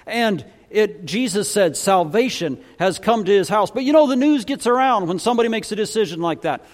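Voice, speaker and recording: A man's voice: high-pitched, lively intonation, fairly quick. A man preaching a storytelling sermon, telling it dramatically and acting out the dialogue. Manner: dramatic, acts out dialogue in varied voices. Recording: long hall reverb.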